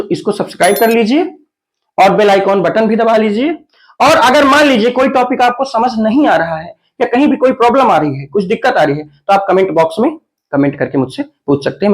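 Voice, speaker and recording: Lively male Hindi English teacher. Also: high voice, a little fast, low-quality recording. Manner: explains by examples, asks rhetorical questions. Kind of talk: classroom-style grammar explanation.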